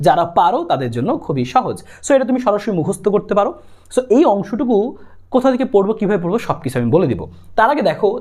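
A young man with a Bangladeshi Bengali accent, teaching an exam-prep grammar lesson in a quick, insistent way that keeps repeating the key points. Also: high voice, darkish tone. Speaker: tutor.

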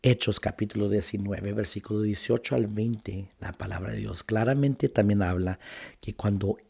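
Male pastor-host, husky, urgent sermon delivery. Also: fairly low pitch, steady tone, normal speed, warm tone. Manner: fervent preaching, appeals to viewers.

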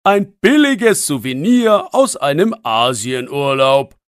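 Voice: sing-song, takes it slowly, dry recording, studio quality. A narrator voicing an amused older man in a learner's audiobook, laughing heartily and then speaking firmly. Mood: stern. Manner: hearty booming laughter, chuckling while talking. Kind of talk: audiobook role voice.

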